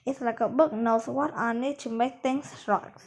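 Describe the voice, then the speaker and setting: A woman's voice: a little high, steady tone, normal speed, vocal fry. A woman reading the lines of a brave young boy in a storybook, eager and urgent. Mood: warm.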